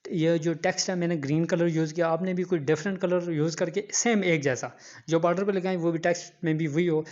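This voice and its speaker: A man's voice: on the high side, a little mellow, dull audio. A man teaching a phone editing app step by step, repeating key instructions. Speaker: online teacher. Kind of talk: screen-recorded app tutorial.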